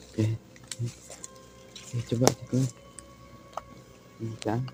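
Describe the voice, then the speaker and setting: A man with a Sundanese accent talking in a hushed, careful way, chatting casually as he vlogs outdoors at night. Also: medium pitch, flat delivery, takes it slowly. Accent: Sundanese-influenced Indonesian. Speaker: night exploration vlogger. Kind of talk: casual outdoor vlog chat. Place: outdoors at night on a muddy path. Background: music.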